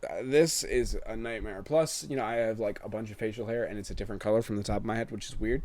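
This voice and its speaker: A man's voice: lowish voice, steady tone, quick pace, darkish tone. A man in his twenties giving casual gameplay commentary at home, rambling with lots of ums and uhs. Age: 20s. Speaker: let's play host. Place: at home during quarantine. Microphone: webcam setup. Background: game music.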